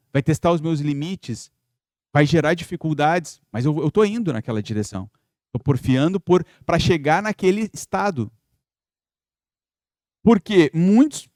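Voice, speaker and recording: A man delivers an earnest spiritist lecture, voice pitched a little high. He keeps posing rhetorical questions, thoughtful and steady. The sound is dry and close, with little room around it. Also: no room sound. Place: spiritist center lecture hall.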